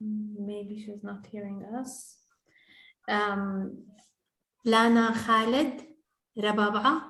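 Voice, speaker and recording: Slow-paced woman moderator in an echoing room. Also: medium pitch, flat delivery, a bit bright. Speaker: session moderator. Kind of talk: calling on participants in an online class. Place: online video call. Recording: roomy, echoing call audio.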